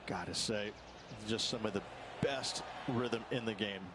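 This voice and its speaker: A man's voice: on the low side, unhurried, very noisy. A man giving live golf commentary as an analyst.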